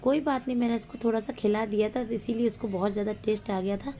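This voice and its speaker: A woman with young children chats homely and playfully as she cooks in her home kitchen for her cooking channel. She talks at a quick pace in a warm, slightly high voice with fairly even intonation.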